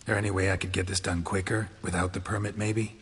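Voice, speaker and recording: An actor playing a terse, stoic monster hunter in a video game, clipped and deadpan with dry impatience. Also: male voice, low-pitched, quick pace, husky, heavily acted. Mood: dry, businesslike. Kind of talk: scripted video game dialogue.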